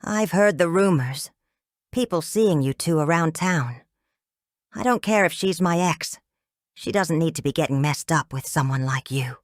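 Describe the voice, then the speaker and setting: A woman voicing a large, angry, bearded man who shouts threats at his ex-wife's boss in an audiobook. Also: deep voice, unhurried, dry recording, studio quality. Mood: shouting. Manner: shouting, menacing. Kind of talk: audiobook character voice.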